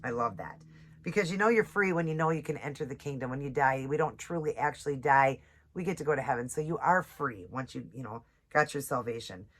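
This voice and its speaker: Still getting over a cold, this woman has a low, congested voice with lively intonation and a fairly bright tone. As a vlogger covering nails and devotionals, she chats with her audience, says sorry a lot, and reads scripture unhurriedly, with the camera close under a ring light.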